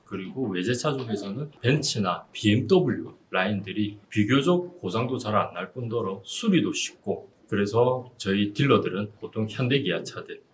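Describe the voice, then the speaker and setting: Lower-pitched, lively man in his forties, salesman's patter. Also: moderate pace, hardly any pauses, slight background noise. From Busan, South Korea. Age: 40s. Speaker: used car dealer. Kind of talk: informal on-camera interview giving buying advice.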